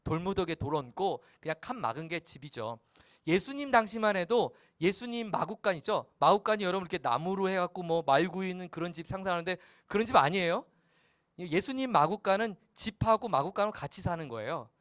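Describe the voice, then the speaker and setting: A male pastor gives a lively, playful sermon with a fairly high-pitched voice. He keeps his congregation engaged with an animated delivery. The sound is close and dry, with no room echo. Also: fairly quick.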